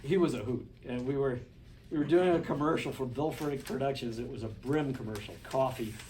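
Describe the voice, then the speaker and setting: A man's voice: medium pitch, a little fast, a little mellow. A man teaching film lighting in a hands-on workshop, talking in a loose, chatty way with asides and restarts. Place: studio classroom with a group. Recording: echoey room, distant, noisy ambience.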